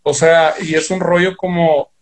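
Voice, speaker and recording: A man's voice: a little high, fairly even intonation, measured pace. A young man with a northern Mexican accent from Sonora, a guest guitarist telling stories in rambling slang full of swearing. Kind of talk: casual podcast chat.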